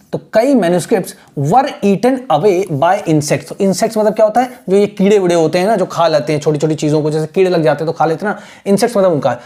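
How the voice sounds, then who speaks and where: Patient male teacher, mellow voice. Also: high-pitched. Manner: slow, patient word-by-word explaining, mixing in English. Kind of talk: explaining a textbook lesson.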